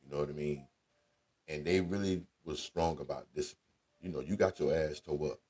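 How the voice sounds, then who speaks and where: A man with a deep voice, telling casual family stories as a radio show host, laid-back and conversational with slang. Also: a little fast, warm tone, slightly rough. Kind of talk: casual storytelling monologue.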